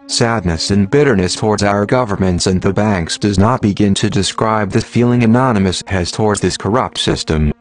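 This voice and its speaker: A disguised, computer-generated male voice sits a little low in pitch. It reads a scripted manifesto as an anonymous announcer, in an even, mechanical recitation. Soft music plays faintly behind it.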